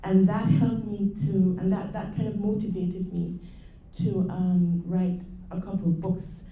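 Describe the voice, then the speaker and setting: Her voice sits in the mid-range with little pitch movement and a dark tone, and she speaks a little slowly. She is a middle-aged assistant professor from Jamaica, talking casually on a conference panel with a Jamaican accent, fillers and small laughs, recorded with a dull, roomy hall sound in a conference room.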